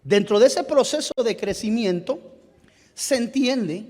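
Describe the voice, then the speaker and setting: A male pastor with a Guatemalan Spanish accent preaching a sermon, often pausing to search for the right word and calling his listeners "beloved brother". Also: very high-pitched, lively intonation, a little mellow. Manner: halting, searches aloud for words and restarts phrases. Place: church sanctuary. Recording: long reverb of a church hall.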